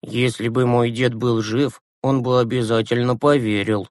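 Guy doing a shy soft boy, slow and unsure, dry close audio. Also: mid-range voice, steady tone, dry recording, lightly acted. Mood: sad. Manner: hesitant, soft. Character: timid gentle young boy.

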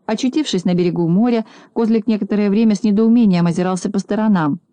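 Brief: woman narrator, storybook reading, mellow low-bright voice, dry close sound. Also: quick pace, dry recording. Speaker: audiobook narrator.

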